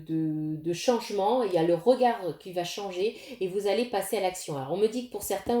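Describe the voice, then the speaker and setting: A woman's voice: medium pitch, mellow, roomy sound. A woman giving a casual tarot reading to her viewers, talking directly to them with many fillers and restarts. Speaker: tarot reader.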